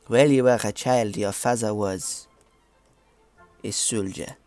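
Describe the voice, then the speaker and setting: A man's voice: lowish voice, unhurried, mellow, close to an everyday voice. A man reading game story text aloud in a hammy mock French accent, stumbling over words as he goes, with faint game music behind.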